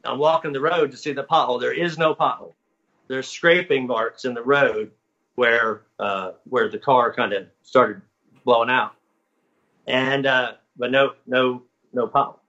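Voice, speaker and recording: A man's voice: medium pitch, steady tone, moderate pace, bright, forceful tone. A man in a casual interview, telling a long story in a rambling, self-correcting way. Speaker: guest recounting experiences. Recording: dull lo-fi audio.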